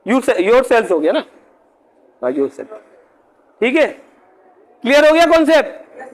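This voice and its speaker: Very high-voiced man teaching a grammar class. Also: big pitch swings, rough recording. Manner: keeps checking if the class follows; slows down to spell out example words. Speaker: English teacher.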